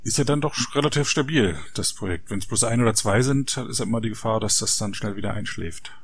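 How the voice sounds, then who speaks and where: A man hosting a casual podcast interview, talking in a relaxed, conversational way. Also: lowish voice, quick pace, a little hiss or hum. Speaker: podcast host.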